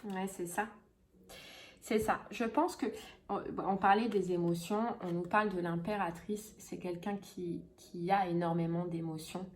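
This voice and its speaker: A woman's voice: lowish voice, steady tone, a little slow. A woman giving a casual tarot reading, chatty and full of fillers and repeated phrases. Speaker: tarot reader.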